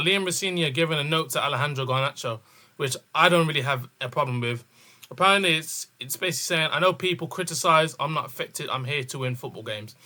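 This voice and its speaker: A man's voice: on the high side, bright, forceful tone. A young man with a London accent and urban street slang, giving casual football commentary as a channel host, repeating phrases for emphasis.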